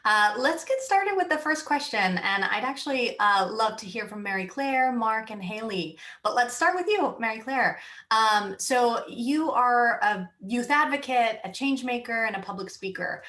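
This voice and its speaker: A woman's voice: a little high, animated, normal speed, bright, forceful tone. Woman moderating an online panel. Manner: upbeat, introduces speakers.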